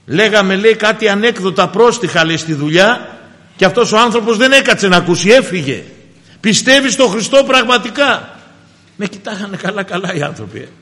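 A man preaches with fervour, rising into emphatic bursts and then dropping to low, quiet asides. His voice sits fairly high. The sound carries a long reverb, as in a large hall. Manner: fervent, addresses the congregation as brothers, rises in emphatic bursts and drops low. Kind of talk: sermon with personal testimony.

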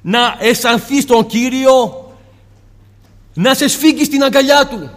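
A male preacher giving an impassioned sermon, firing off rhetorical questions and dropping suddenly to a soft tone. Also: very high voice, big-room sound.

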